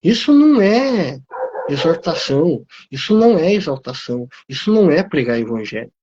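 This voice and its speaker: A man's voice: on the high side, very animated, moderate pace, highs cut off, background noise. A man giving an emotional testimony on a live theology talk, preaching in rising waves of emphasis. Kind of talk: impassioned testimony.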